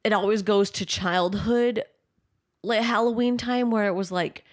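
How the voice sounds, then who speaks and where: A woman in her thirties from Michigan co-hosts a chatty home podcast. She is animated and giggly and acts out the things people said. Her talk stays loose and playful. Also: mid-range voice, measured pace. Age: 30s. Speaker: podcast co-host. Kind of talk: casual chat. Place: sister's home in Connecticut.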